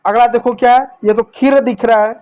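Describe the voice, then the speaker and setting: A man teaching children to read, slowly sounding out letters and syllables and coaxing them to repeat after him. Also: extremely high pitch, steady tone, darkish tone, clear, resonant tone. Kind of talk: children's reading lesson.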